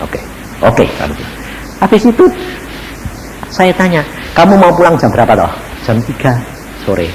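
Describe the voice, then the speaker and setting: Animated preacher man, lilt. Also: a little high, normal speed, pauses often, slight background noise, low-quality recording. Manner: animated storytelling, acts out quoted voices, addresses audience as "saudara". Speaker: pastor. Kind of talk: testimony sermon.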